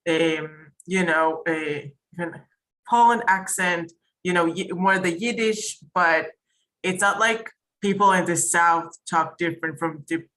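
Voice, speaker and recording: A woman from Israel runs the session and answers questions over a video call. Her voice sits on the low side for a woman. She speaks candidly, with a few fillers. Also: fairly even intonation, measured pace, a bit bright, poor audio. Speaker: event organizer. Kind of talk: casual Q&A.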